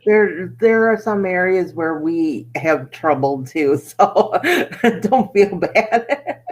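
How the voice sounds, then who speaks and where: An American woman hosting a casual chat in a relaxed, friendly way. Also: lowish voice, slow. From United States. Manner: friendly, easygoing, laughs often.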